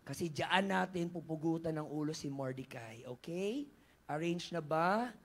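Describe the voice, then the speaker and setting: A man doing a hushed, gloating royal schemer. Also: on the high side, animated, unhurried. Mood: smug. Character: smug scheming male royal official.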